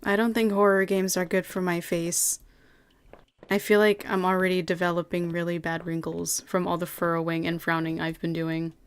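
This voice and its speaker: A woman's voice: fairly low pitch, flat delivery, clean tone, no echo. Woman streamer reading game text aloud. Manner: measured reading, answers chat in quick asides.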